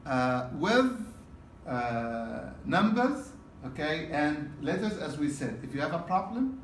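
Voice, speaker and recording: An exam prep teacher lectures his class in a voice a little high for a man, picked up by a distant mic across an echoing room with faint noise underneath. His delivery is sing-song and slow, coming in loose spoken bursts. He repeats himself and keeps asking "okay?" to make sure students follow.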